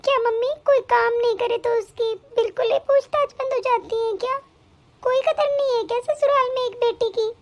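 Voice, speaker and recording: A woman voicing a neglected pregnant young daughter-in-law in an animated family drama, plaintive and pleading. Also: very high voice, moderate pace, highs cut off. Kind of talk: animated story voice acting.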